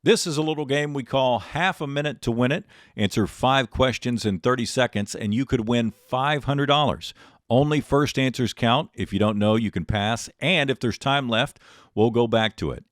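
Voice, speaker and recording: A man's voice: medium pitch, moderate pace, no echo, studio quality. A man hosting a comedy show, telling stories and running a quiz with wry sarcasm. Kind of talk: comedic monologue and game hosting.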